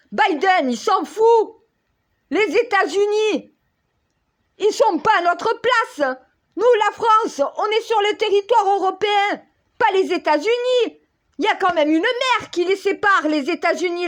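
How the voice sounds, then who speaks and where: A woman in an exasperated, agitated monologue, scolding leaders and calling on God, her voice worn hoarse. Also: very high-pitched, animated, unhurried, a bit bright. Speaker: self-styled spiritual counselor. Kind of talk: ranting monologue video.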